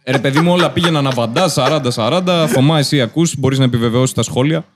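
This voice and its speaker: A man co-hosting a podcast, speaking in a calm, deadpan way. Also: medium pitch, crowd noise. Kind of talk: casual chat. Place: outdoors in city streets.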